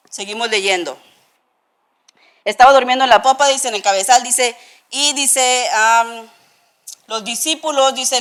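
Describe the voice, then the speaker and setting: A woman from Tijuana with a northern Mexican accent, telling a Bible story to a young congregation in a playful, animated way, with many rhetorical questions. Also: sits high. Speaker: children's church teacher. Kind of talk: lively Bible lesson sermon.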